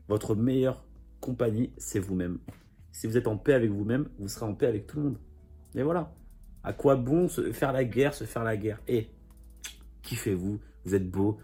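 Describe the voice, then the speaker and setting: A man's voice: on the low side, mellow, husky. A young man vlogging, chatting casually and encouragingly to his viewers in a rambling, upbeat way. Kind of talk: casual motivational talk to camera.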